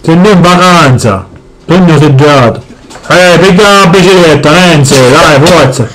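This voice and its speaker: A man voicing a bossy, jealous cartoon father with a Sicilian accent, gruff and nagging in an amateur comic dub. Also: fairly high pitch, a little slow, fairly bright tone, voice pushed down. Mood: grumbling. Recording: noisy amateur home dub.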